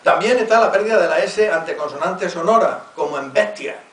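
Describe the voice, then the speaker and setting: A man's voice: high-pitched, lively intonation, a bit bright, distant mic. Man with a Murcian accent lecturing in an echoey hall. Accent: Murcian Spanish. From Murcia region, Spain. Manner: reads word lists aloud, pauses to enunciate examples. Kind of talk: academic conference talk.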